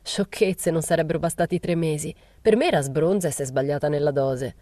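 A woman's voice: sits low, brisk, dark tone, no echo. Woman doing a tipsy, brash young man. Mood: dismissive.

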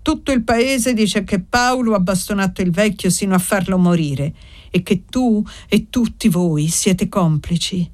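A woman's voice: medium pitch, a little slow, darkish tone, lightly acted. A woman voicing a protective older village woman in an audiobook, warning in urgent, cautioning tones.

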